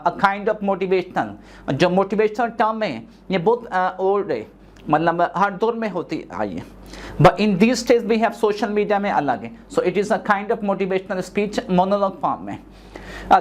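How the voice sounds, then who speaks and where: A male teacher gives a recorded online lesson, taking his time over each point. He pauses often on filler sounds as he explains, moving at a slow and deliberate pace. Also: sits high. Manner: halting, with frequent filler hesitations.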